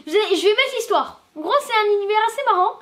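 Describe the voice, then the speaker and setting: A woman's voice: very high voice, lively intonation, fast talker, a bit bright. A woman gaming YouTuber giving casual let's-play commentary, chatty and loose, with plenty of fillers and restarts.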